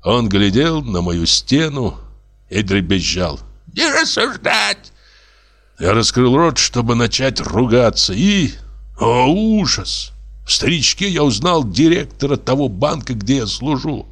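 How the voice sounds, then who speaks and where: A man reading a literary story aloud, expressive and acting out the narrator's own outbursts. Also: mid-range voice, measured pace. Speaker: audiobook reader.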